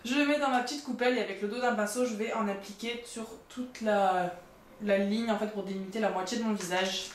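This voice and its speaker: A young woman with a medium-pitched, fairly even voice narrates her casual makeup tutorial a little fast. As a vlogger she's talkative, dropping "donc" frequently and making lighthearted jokes about herself. The recording has a roomy feel with faint noise behind her.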